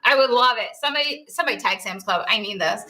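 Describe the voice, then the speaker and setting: A woman's voice: fairly high pitch, expressive, quick pace, sharp tone. A woman demonstrating stenciling on a craft livestream, chatty and playfully teasing her co-host.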